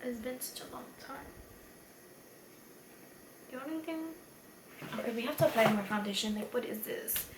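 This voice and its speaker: Tipsy on beer, this makeup tutorial host talks at a moderate pace in a fairly high voice, pausing often as she rambles. She's casual and self-deprecating, with occasional mild swearing. Her home room is echoey, with faint noise in the background.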